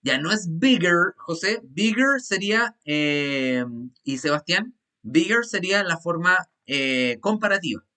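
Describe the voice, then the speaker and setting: A man's voice: high voice, expressive, a little slow, sharp tone. A man teaching an English class over a video call, patiently repeating grammar rules step by step. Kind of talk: online class explanation.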